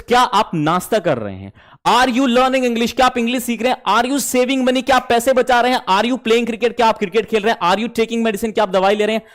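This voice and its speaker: A man teaching spoken English to students, explaining sentence patterns and repeating drill sentences. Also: high-pitched.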